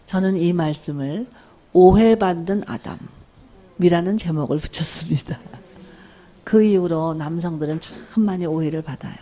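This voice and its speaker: Warm-voiced older woman lecturing. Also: fairly low pitch, normal speed. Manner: animated, asks the audience questions. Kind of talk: faith-based lecture with storytelling. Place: workshop lecture room.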